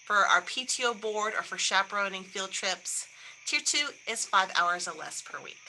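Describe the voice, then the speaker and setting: Principal lady going over school info for parents, super bright voice, medium pitch, friendly and brisk. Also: slight background noise, rough recording. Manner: upbeat, informative, reads from slides with small restarts. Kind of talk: presentation to parents.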